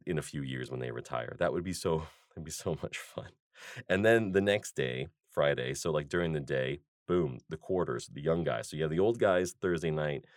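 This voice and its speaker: A man's voice: a bass voice, no echo, clean studio sound. A man hosting a podcast, talking through his ideas in a loose, rambling monologue full of fillers and restarts. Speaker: podcast host.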